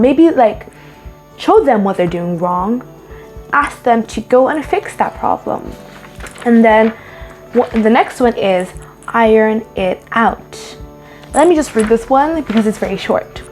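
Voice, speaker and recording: A woman's voice: on the high side, lively intonation, a little slow, darkish tone, soft background music. A woman hosting a casual vlog with parenting tips, chatty, restarting sentences and acting out little quoted exchanges. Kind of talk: casual advice talk to camera.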